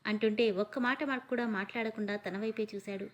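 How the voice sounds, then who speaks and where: A woman narrating a heartfelt family story in a steady reading voice. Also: mid-range voice, brisk.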